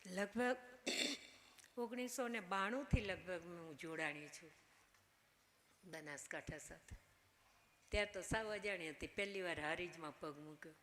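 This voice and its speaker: A woman's voice: on the low side, a little slow, long pauses, fairly bright tone, a little hiss or hum. Older woman preaching in a hall. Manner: homely, chiding, asks the crowd questions. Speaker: Ramayana storyteller. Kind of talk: devotional discourse to a gathering. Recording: long hall reverb.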